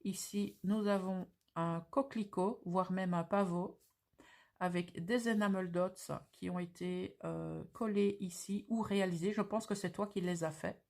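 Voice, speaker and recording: A woman with a Belgian French accent who hosts a crafting channel and presents craft pieces in a slow, descriptive way with frequent fillers. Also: on the low side, steady tone, vocal fry, darkish tone. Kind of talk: presenting craft mail on camera.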